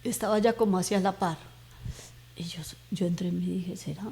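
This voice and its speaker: Warm-voiced woman giving an earnest testimony. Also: on the low side, steady tone, moderate pace, breathy edge. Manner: earnest, emotional storytelling with fervent prayer retold aloud. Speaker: guest giving a faith testimony. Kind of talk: personal testimony in conversation.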